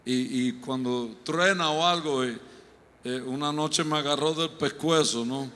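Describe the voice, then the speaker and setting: A man preaching a humorous sermon, joking and animated, building up to loud exhortation. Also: mid-range voice, measured pace. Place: church sanctuary. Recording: long hall reverb.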